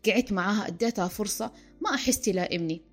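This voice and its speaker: Fast-talking woman counselor. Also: mid-range voice, husky, soft background music. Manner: animated, acts out quoted speech. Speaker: relationship counselor. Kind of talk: podcast discussion.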